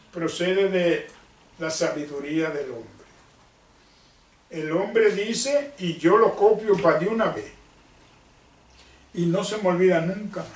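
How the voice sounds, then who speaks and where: A male preacher gives a sermon, slowly and emphatically, asking questions and answering them himself. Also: a little high, far from the mic. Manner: slow, emphatic, asks and answers own questions. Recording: echoey room, off-mic.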